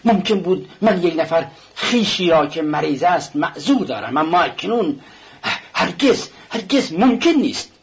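A man's voice: a little high, very animated, dull audio, a little hiss or hum, pitched above the performer's own voice. A man doing a pompous, offended suitor. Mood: indignant.

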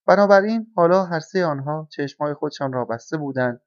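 A man reading a children's storybook aloud in a calm, measured way. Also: a little high, dry recording. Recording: dull, dry lo-fi recording.

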